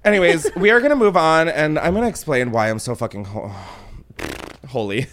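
A man's voice: on the high side, a little fast, slight background noise. A hungover man hosting a podcast, chatting casually and telling stories in a dramatic, self-mocking, exclaiming way. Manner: animated, exclaiming, laughs while talking. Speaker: podcast host. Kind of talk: casual comedic podcast chat.

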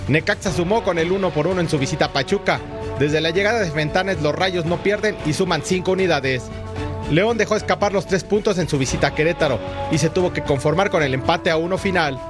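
Guy reading scripted sports recap, highish voice, loud music bed. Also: a little fast. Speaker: sports news narrator. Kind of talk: scripted sports news narration. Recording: prominent music behind the voice.

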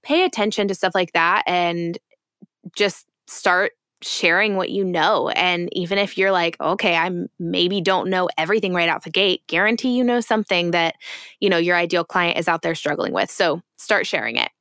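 A woman's voice: on the low side, normal speed, a bit bright, clear, resonant tone, no room sound, clean studio sound. Upbeat laughing woman co-host. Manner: upbeat, laughs often, advice-giving. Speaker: podcast co-host. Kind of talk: casual chat.

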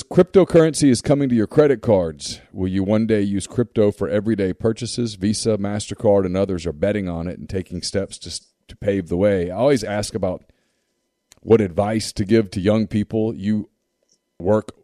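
Male podcast host, rambly questioner, mellow low voice, dry close sound. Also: fairly quick, dry recording. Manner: rambling, repeats words when excited. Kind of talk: casual interview chat.

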